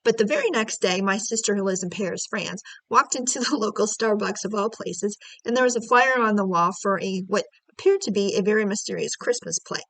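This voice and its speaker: A woman's voice: medium pitch, a little fast, hardly any pauses, a bit bright, no echo, poor audio. Chatty woman in a dry room. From United States. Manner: chatty, quotes conversations, laughs between phrases. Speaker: vlogger telling a family story. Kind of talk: casual personal storytelling.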